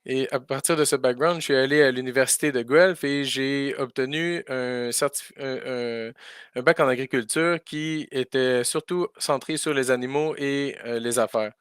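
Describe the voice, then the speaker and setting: A man's voice: medium pitch, moderate pace, fairly bright tone, clean tone, no echo, studio quality. A man doing live spoken interpretation for a school farm tour, hesitating often with fillers and restarts.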